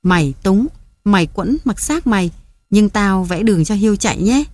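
A man's voice: high voice, lively intonation, normal speed, a little mellow, no echo. A woman reading the part of a greedy, domineering old village chief who makes coarse threats. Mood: threatening.

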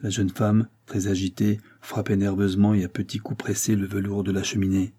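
Man reading a novel aloud, husky, dark mellow tone, lowish voice. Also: little pitch movement. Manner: measured, storytelling. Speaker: audiobook reader. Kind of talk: scripted narration of a novel.

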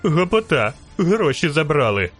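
A man voicing a flustered male bard poet in an audiobook, blustering and shouting insults. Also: a little high, sing-song, unhurried, soft background music, pitched above the performer's own voice, full character voice. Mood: indignant.

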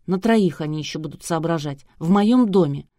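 A prim woman makes sharp, disapproving remarks in a lowish voice, read by a woman narrator. The recording is close and dry. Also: expressive, normal speed, dry recording. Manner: disapproving, sniping.

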